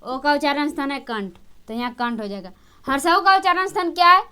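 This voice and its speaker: A woman's voice: high voice, lively intonation, fairly quick, pushed and bright. A woman teaching an exam-prep grammar lesson, who keeps asking a question and answering it herself. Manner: repetitive, asks and answers her own questions.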